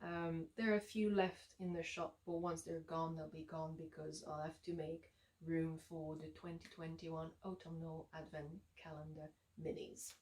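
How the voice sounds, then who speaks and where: A woman with a French Canadian accent, a yarn dyer giving a relaxed, chatty showcase of her shop's products with frequent ums and uhs. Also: low-pitched, moderate pace. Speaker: yarn dyer and shop owner.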